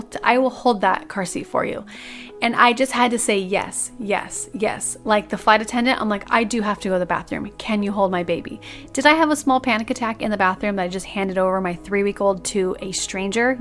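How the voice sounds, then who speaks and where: A young woman hosting a podcast, telling a personal story in a casual, chatty way with lots of filler words. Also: mid-range voice. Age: young adult. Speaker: podcast host.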